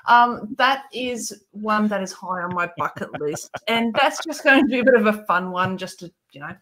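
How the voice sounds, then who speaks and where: A woman's voice: medium pitch, moderate pace, a bit bright. Chatty New woman, full of ums. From New Zealand. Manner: chatty, hesitant, many filler ums. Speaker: podcast co-host. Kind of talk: casual chat.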